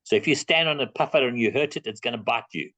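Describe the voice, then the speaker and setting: A middle-aged South African man, a guest speaker on reptiles, answers audience questions in an online talk, plain-spoken and emphatic as he repeats his key points. His mid-range voice is fast and fairly bright, with no room sound.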